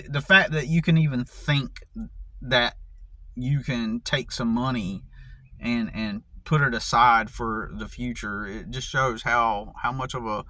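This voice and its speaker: A man's voice: mid-range voice, fairly bright tone, dry recording. Profane ranting American man, dry sound. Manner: profane, angry ranting with many restarts. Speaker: vlogger. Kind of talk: casual vlog rant.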